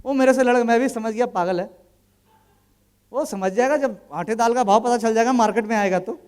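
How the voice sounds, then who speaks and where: A man in his thirties with an unusually high voice tells a motivational story at a business event. His delivery is casual and colloquial, and he slips into acting out each exchange in his anecdotes. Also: brisk, a little mellow, clean tone.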